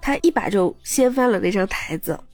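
A woman's voice: mid-range voice, expressive, fairly quick, a little mellow, no echo, faint music behind. A woman podcast host casually retelling a story, chatty, with personal asides to her listeners.

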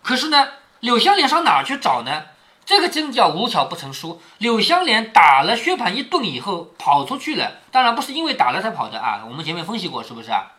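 A man's voice: sits high, huge pitch swings, fairly quick, bright, forceful tone. A man reading a classic novel aloud to his daughter, stopping often to explain it in a chatty way with frequent tag questions.

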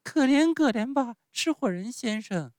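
A little wooden puppet boy with a thin, squeaky high voice, put on by a man reading a storybook. He talks earnestly and pleadingly, pitched far above the reader's own voice. The recording is dry and close. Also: lively intonation, a little slow, a little mellow, no echo.

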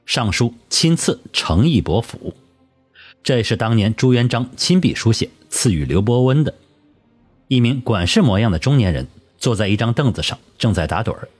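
A man tells a historical story in a measured audiobook style. His intonation rises and falls a lot, and his voice carries some huskiness. Soft music plays under the narration. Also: lowish voice. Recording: husky voice over soft music.

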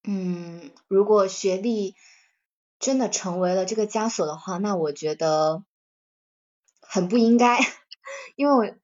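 A woman in a casual discussion, thoughtful and hesitant, often pausing and qualifying her opinions. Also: medium pitch, a little mellow. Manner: thoughtful, hesitant, self-deprecating. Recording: dull lo-fi sound.

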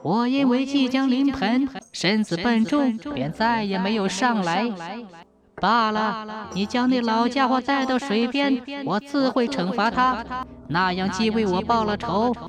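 A vengeful drowned ghost woman from a spoken ghost story, bitter and stern, as a woman narrator puts her on. She scolds slowly in a hushed, lowered voice. Faint music plays softly underneath. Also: lightly acted. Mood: bitter scolding.

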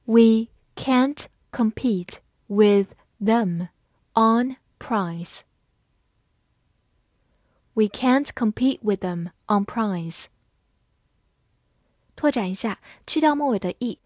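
Slow, dry-voiced woman teaching English words. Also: on the high side, no echo. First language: Chinese. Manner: spells words letter by letter, reads example sentences very slowly. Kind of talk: vocabulary lesson, spelling out and slowly reading.

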